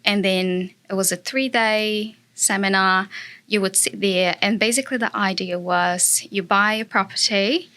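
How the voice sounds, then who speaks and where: This woman from Brazil speaks English with a Brazilian Portuguese accent. Her voice is bright and clear at a middle pitch. She chats earnestly in an interview, with lots of fillers. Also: fairly even intonation, unhurried. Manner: earnest, with many fillers and frequent laughs. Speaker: guest, property investor. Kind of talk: casual interview chat.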